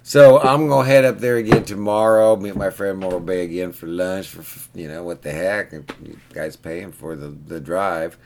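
A man's voice: low voice, steady tone, moderate pace, few pauses, heavy background noise. A man who repairs pinball machines tells a chatty, rambling story in a casual vlog, often tagging lines with "right?".

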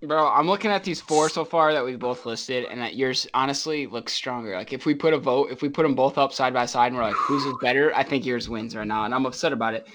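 A man co-hosting a casual podcast, talking in an animated, easygoing way. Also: mid-range voice, quick pace, few pauses. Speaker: podcast co-host. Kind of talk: casual chat.

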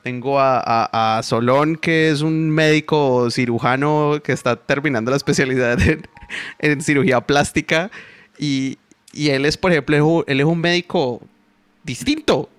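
A man's voice: fairly high pitch, normal speed, smooth, no echo. Slangy man, loose casual chat. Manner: loose, slangy, self-mocking. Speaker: guest.

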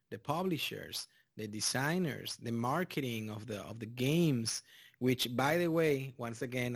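A man's voice: mid-range voice, no room sound, studio quality. A man from Mexico with a Mexican Spanish accent, hosting a board game podcast in casual chat, rambling with fillers and restarts. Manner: loud and drawn-out in the intro. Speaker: podcast host.

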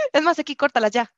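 A young Mexican woman with a Mexican accent telling a personal story as a podcast guest, animated and acting out the dialogue. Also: high-pitched, no echo, dull audio. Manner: animated, acts out quoted dialogue, laughs often. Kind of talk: casual storytelling chat.

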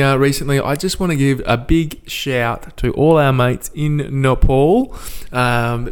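A man's voice: medium pitch, smooth. A male podcast co-host chatting casually about cricket, laid-back and jokey.

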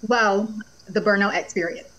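A woman's voice: mid-range voice, fairly even intonation, normal speed, pushed and bright, lo-fi sound. A woman, a guest in a casual interview who talks upbeat and laughs between phrases. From Barbados. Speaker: podcast guest.

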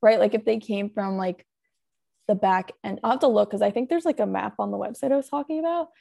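A young woman hosts a podcast, walking through a true-crime case in a loose, chatty way with plenty of "like" and "um," laughing often. Her voice is medium in pitch, a little fast, creaky and mellow.

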